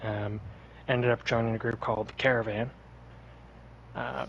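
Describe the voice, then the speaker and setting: A man's voice: mid-range voice, flat delivery, moderate pace, creaky, dull audio, slight background noise. A man guest on a podcast, telling stories in a rambling, laid-back casual way. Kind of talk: casual chat.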